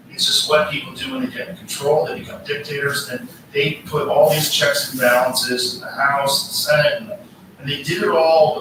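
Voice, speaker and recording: A man hosting a loose podcast conversation, his voice sitting a little high. He rants with heavy swearing and hammers his points home. He is heard from a distance in a very echoey room, with steady noise underneath. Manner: profane, emphatic ranting. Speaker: podcast host. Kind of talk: casual podcast chat.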